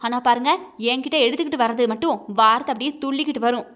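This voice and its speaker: A woman's voice: high-pitched, rapid-fire, highs cut off. A woman reading a bitter defiant young wife. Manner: sharp, bitter, arguing back.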